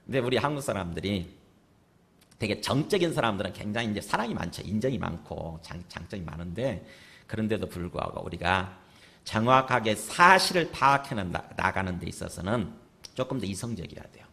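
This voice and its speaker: A man's voice: fairly low pitch, lively intonation, a little fast, gravelly, bright, forceful tone. A male pastor preaching a sermon in a conversational way, often asking the congregation rhetorical questions. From South Korea.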